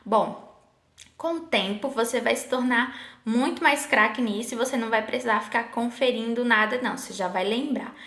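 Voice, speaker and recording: A rather high-voiced woman teacher speaks patiently to her class, asking questions and stretching out example words one by one. The sound is roomy and echoing. It fits a recorded online lesson. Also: a bit bright. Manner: patient, asks the class questions, slows to spell out sample words. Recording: echoey room.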